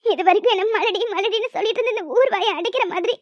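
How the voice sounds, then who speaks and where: A woman voicing an emotional young wife in a cartoon story, high and childlike, breaking into sobs. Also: fast, no room sound. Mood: tearful joy. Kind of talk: cartoon voice acting. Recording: dull lo-fi audio with faint music.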